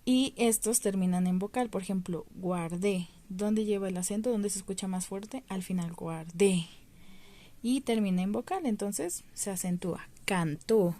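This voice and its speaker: A woman talks through a primary school lesson. Her voice is mellow and warm, and her pitch sits in the middle. She explains patiently, step by step, and draws out the syllables she wants to stress. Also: moderate pace, hardly any pauses. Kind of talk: recorded remote lesson.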